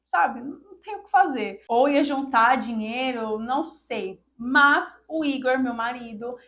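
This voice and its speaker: High-voiced indignant young Brazilian woman. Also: measured pace, fairly bright tone. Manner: emotional, indignant, addresses viewers often. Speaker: vlogger. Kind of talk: casual storytelling to camera.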